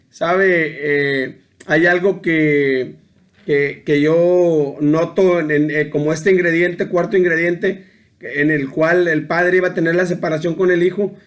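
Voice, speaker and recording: Delivering an informal sermon on a Bible passage, a middle-aged man speaks in a somewhat high voice. His talk is loose and hesitant, full of stumbles and restarts, and he keeps ending sentences with a questioning tag aimed at the listener.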